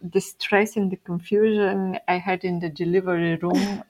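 Her voice lowish, steady, and a little mellow, a young Bulgarian-accented woman from Bulgaria chats as a guest in a casual interview. She tells her stories without hurry, laughing frequently.

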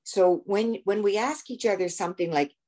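An older woman, a former nurse and counselor, speaking in a measured, instructive way. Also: mid-range voice, warm tone. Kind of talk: casual conversation.

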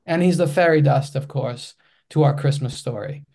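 A man from Greece with a Greek accent talks through an interview as a filmmaker guest, often stumbling and restarting mid-sentence. His voice is somewhat high for a man, gravelly and mellow. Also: normal speed. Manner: hesitant, many restarts and fillers.

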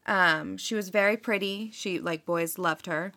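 A woman hosting a podcast tells a true-crime story in a casual, chatty way, her lowish voice unhurried, bright and forceful. She leans heavily on fillers, frequently saying "like" and "um".

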